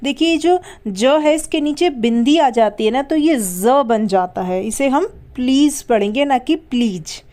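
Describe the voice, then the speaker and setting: A woman's voice: fairly high pitch, animated, unhurried, hardly any pauses, a little mellow. Woman teacher spelling out words. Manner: spells words letter by letter, asks and answers own questions. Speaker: English teacher. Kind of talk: patient beginner lesson.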